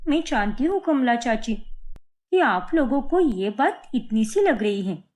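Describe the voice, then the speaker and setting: A woman playing a shrill, stubborn young village woman. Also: sing-song, unhurried, darkish tone. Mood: insistent. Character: stubborn, loud young woman of a poor family.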